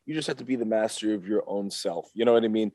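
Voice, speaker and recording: A man's voice: lowish voice, fast talker, dark tone, no room sound. A man talking as a guest on a podcast, upbeat and emphatic, with motivational swings in his speech. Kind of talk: casual podcast chat.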